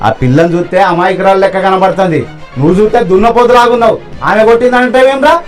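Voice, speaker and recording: A man playing a blunt rural police officer who scolds men roughly and speaks kindly to women. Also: sits high, very fast, soft background music, natural voice. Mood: scolding. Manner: loud, scolding, rough village talk.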